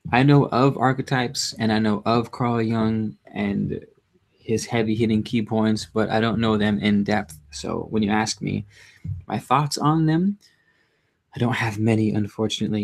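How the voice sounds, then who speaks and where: A man hosting a casual livestream, chatting to viewers in a subdued, low-energy, rambling way with halting self-interruptions. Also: creaky. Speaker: livestream host. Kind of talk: casual live chat to viewers.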